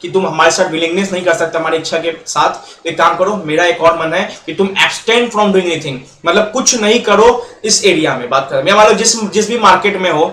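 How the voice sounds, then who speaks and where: A man with a high-pitched voice teaches a lecture, acting out small examples as he goes. He switches easily between everyday talk and English terms. The recording is echoey, with faint noise behind. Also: sharp tone. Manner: explains with quick role-played examples, mixing Hindi and English. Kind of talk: classroom-style lecture.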